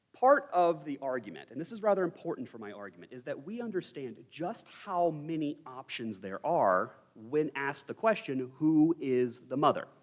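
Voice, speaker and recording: Young male Bible study teacher: animated pitch, candid, wry asides, church setting. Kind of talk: informal Bible study lecture.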